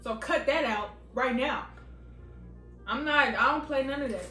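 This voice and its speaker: Young woman vlog host, high voice, playful, roomy echo, music under her. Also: unhurried, bright, forceful tone, recorded from a distance. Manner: playful, prankish, talks to the camera. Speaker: vlogger host. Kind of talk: casual family mukbang chat.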